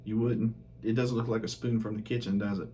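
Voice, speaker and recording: A man's voice: on the low side, a little fast, slight background noise. Easygoing man reviewing fishing baits. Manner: relaxed, chatty, many ums and uhs. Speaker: fishing channel host. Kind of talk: casual bait review.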